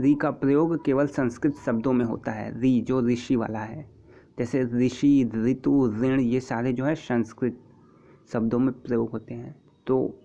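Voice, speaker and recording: A man teaching an exam-prep lesson, patiently repeating terms and example sounds, with frequent throat clearing. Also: mid-range voice, dark tone. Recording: dull lo-fi recording.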